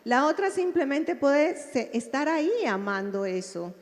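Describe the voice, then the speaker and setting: A woman's voice: high-pitched, big pitch swings, a little slow, long reverb tail. A woman psychologist giving a public lecture on grief, speaking expressively and checking in with her audience through rhetorical questions.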